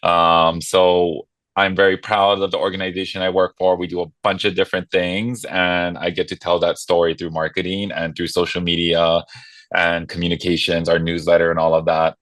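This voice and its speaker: A man from Hawaii with a low, deep voice talks easily as an interview guest, friendly and self-deprecating, filling pauses with "um." The sound is dry and close, with no room in it. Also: monotone, a bit bright, no echo. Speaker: guest, nonprofit marketing director. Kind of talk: casual interview chat.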